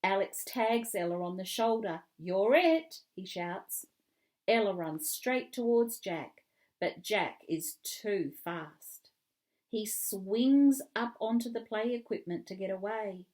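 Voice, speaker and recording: A woman reading a children's book aloud with clear, expressive storytelling. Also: mid-range voice, slow pace. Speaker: reader.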